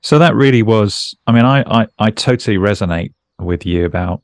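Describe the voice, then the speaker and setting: A man's voice: lowish voice, moderate pace, dry recording. Chatty, joking man hosting. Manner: rambling, jokey and self-deprecating. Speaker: podcast host. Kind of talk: casual conversational interview.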